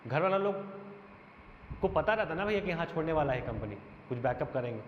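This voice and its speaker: A man with a fairly high voice lays out his case as a teacher, earnest and aggrieved, one point after another. The sound is roomy, with a long reverb tail, muffled in tone, and a faint hiss runs underneath. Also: expressive, brisk. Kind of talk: defending himself in a monologue. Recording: echoey dull room sound, faint noise.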